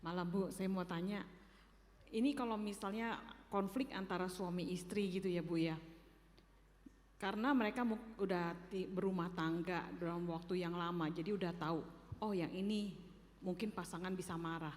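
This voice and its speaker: Woman from the congregation, slightly low voice, halting question, echoey hall. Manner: hesitant, with many restarts. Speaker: congregation member asking a question. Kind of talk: question from the audience.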